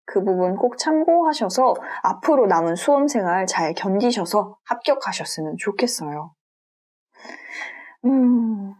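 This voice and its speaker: A young adult woman giving a general tarot reading, speaking gently and reassuringly straight to her viewers. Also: mid-range voice. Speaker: tarot reader.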